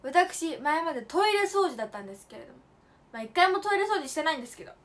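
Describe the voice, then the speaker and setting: High-voiced chatty young woman streamer. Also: sing-song, very fast. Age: late teens. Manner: chatty storytelling with playful emphatic asides; switches between polite and slangy casual speech. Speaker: idol livestream host. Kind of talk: casual livestream chat.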